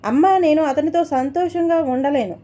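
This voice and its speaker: A woman's voice: high-pitched, normal speed, warm tone, voice pushed up, lightly acted. A woman voicing an upset young daughter who defends herself against her mother. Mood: defensive. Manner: pleading, defensive.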